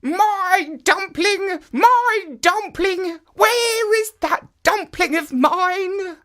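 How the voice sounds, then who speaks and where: A man voicing a funny, fearless little old woman in a children's story, shrill and wailing with stretched-out words. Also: drawn-out words, bright, forceful tone, heavily acted. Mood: wailing, searching.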